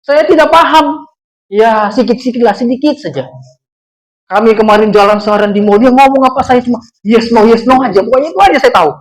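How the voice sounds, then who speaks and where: A woman's voice: on the high side, fast talker, rough recording. A woman pastor preaching a sermon in a church, telling stories and acting out the voices in them. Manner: animated storytelling, acts out quoted voices. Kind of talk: sermon with anecdotes.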